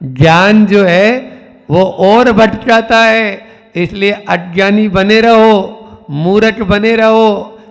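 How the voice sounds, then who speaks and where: A man's voice: high voice, extremely slow, vocal fry. A man giving a religious sermon as a monk. He explains scripture line by line and asks his listeners rhetorical questions. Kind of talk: religious discourse. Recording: long reverb of a hall.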